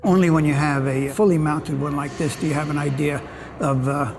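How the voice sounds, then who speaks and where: A middle-aged man speaking as an expert in a documentary interview, explaining things in a halting, unscripted way. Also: fairly high pitch, fairly even intonation, gravelly, music in the background.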